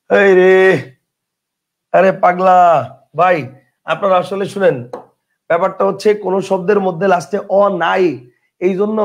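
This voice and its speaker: Guy teaching grammar online, high voice with gravelly fry, keeps asking the class questions. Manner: asks students questions and repeats points; colloquial, addresses learners as brother.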